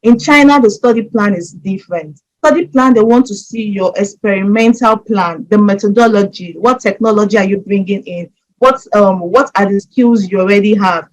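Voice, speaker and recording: In this instructional video, a Nigerian woman advises viewers on applying for scholarships, steady and methodical in her delivery. She speaks at medium pitch and a normal speed, captured on a low-quality recording.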